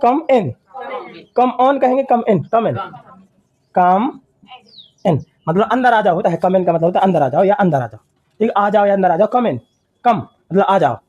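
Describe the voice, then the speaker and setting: A man's voice: high voice, lively intonation, unhurried, long pauses, a little mellow, highs cut off. A man teaching English in a classroom, repeating phrases word by word and quizzing his students. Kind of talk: classroom lesson.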